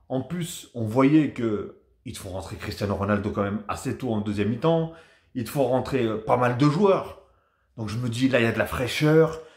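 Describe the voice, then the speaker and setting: A man from France giving a casual, rambling football match debrief to his viewers, chatty and animated. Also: mid-range voice, echoey room. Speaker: football vlogger.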